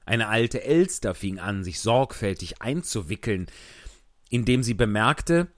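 Lively male storybook reader. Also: on the low side, a little slow, no echo, studio quality. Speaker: audiobook reader. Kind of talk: storybook narration with asides.

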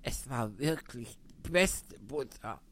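A man voicing a fussy, grumpy march hare in a storybook reading, drawn-out and raised. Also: medium pitch, animated. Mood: testy. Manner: drawling, testy.

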